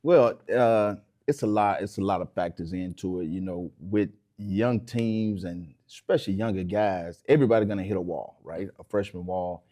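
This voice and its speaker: A man's voice: sits low, moderate pace, hardly any pauses, dark tone. A man, a basketball coach explaining things colloquially in a casual interview.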